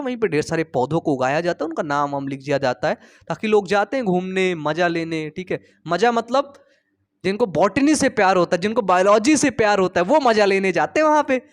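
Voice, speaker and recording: A man's voice: high voice, sing-song, a little fast. A young man teaching biology in a casual, chatty way, posing questions and answering them himself, with stories mixed in. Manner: chatty, storytelling, asks and answers his own questions. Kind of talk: casual Hindi lecture.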